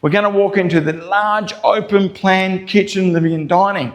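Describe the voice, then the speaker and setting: A chatty Australian man with a fairly high voice leads a house tour in upbeat sales patter, calling out to folks and tagging his lines with okay. His voice rings off the bare walls of empty rooms, giving a roomy echo. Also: steady tone, normal speed, highs cut off. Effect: echo of big empty rooms. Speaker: real estate agent. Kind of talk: property walkthrough tour.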